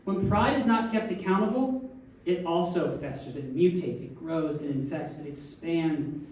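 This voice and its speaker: A man's voice: a little high, normal speed, a little mellow. A man preaching a conversational sermon as a minister, checking in with his listeners often. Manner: conversational preaching with frequent audience check-ins. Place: church sanctuary. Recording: very echoey distant room mic, faint background noise.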